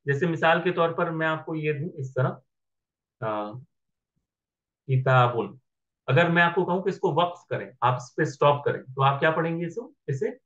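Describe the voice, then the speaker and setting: A man's voice: a little high, expressive, moderate pace, fairly bright tone, muffled recording. A man teaching Arabic grammar in an online class, patiently asking his students whether they follow. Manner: patient, checks understanding with questions.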